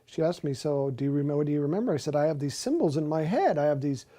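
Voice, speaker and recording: Guy telling his story in an interview, mellow dark tone, earnest and emphatic. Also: a little high, expressive, racing. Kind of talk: recounting a personal experience in an interview.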